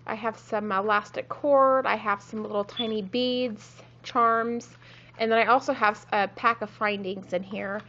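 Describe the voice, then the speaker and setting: A woman's voice: medium pitch, steady tone, a little slow, a bit bright. A woman who is a little sick gives a casual show-and-tell tour of her home craft room, meandering and correcting herself with lots of ums. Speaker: crafting vlogger. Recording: dull lo-fi home video.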